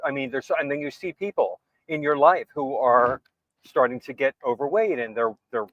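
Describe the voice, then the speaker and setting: A man's voice: medium pitch, no room sound. A man hosting a casual chat, earnestly agreeing with his guest and building on the points. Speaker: host. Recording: dry, dull lo-fi sound.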